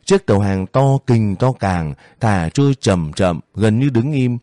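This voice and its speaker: Brief: male audiobook narrator, low mellow voice, measured pacing, dry close mic. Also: no room sound. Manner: steady, measured storytelling. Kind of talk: scripted narration of a war novel.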